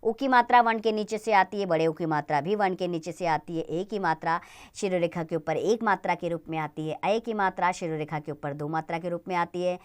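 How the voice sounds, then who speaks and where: A woman teaching a grammar lesson to children, spelling out sounds slowly and deliberately. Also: on the low side, clear, resonant tone.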